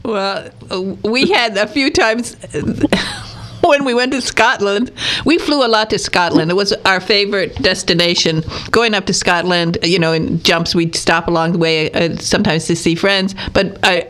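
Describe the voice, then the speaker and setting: A woman interviewing a guest in casual chat, talking warmly and laughing between her words. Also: mid-range voice, a little slow.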